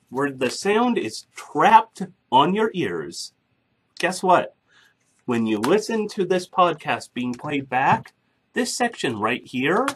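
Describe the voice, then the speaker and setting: Husky-voiced man giving a slow, lively tutorial. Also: high voice. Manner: chatty and blunt, explaining step by step. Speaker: podcasting tutorial host. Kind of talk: casual screen-recorded tutorial. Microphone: microphone through a soundboard.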